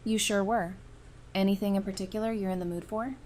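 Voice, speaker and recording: This woman's steady, brisk, mid-range voice has a darkish tone as she lightly acts an affectionate apocalypse survivor in an audio drama. The character is casual, dryly teasing, wry and warm. Background noise and ambience are clearly audible.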